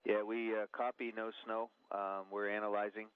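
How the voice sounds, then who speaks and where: Low, flat man over a tinny radio link. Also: clear, resonant tone, dry recording. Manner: halting, many fillers. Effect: narrow radio link. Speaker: mission control capsule communicator. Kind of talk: radio calls to spacewalkers. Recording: tinny radio loop audio.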